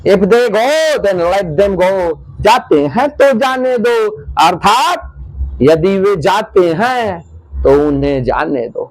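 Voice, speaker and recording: Male English tutor, Indian accent, high-pitched and very unhurried, repeats lines for learners. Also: expressive, low-quality recording. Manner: repeats phrases slowly, drawn out, asks learners questions. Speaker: English teacher. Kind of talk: slow classroom explanation.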